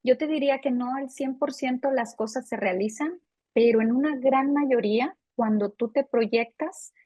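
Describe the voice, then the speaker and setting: A woman's voice: high-pitched, normal speed, mellow, dry recording. A woman in her fifties, a financial advisor guest, answering interview questions in an earnest, personal way. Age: 50s.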